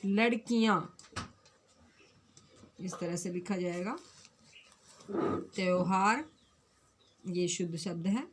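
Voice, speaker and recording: Teaching an online Hindi grammar class for fifth graders, this woman speaks in a fairly low voice with a Punjabi accent, and there's slight background noise. Her approach is slow and patient: she repeats things and carefully corrects each word in turn.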